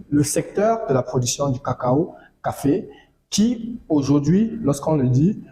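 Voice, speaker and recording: A man giving a measured farming talk, repeating phrases and using fillers. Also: mid-range voice, dark tone, echoey room, a little hiss or hum. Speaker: agricultural educator. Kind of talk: informative monologue.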